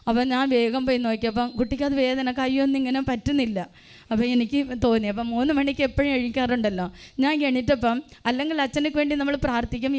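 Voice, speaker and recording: A woman in her sixties gives a spoken church testimony, telling it plainly and often pausing on "um" to retell her own prayers. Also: on the high side, clear, resonant tone. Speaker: parishioner giving a testimony.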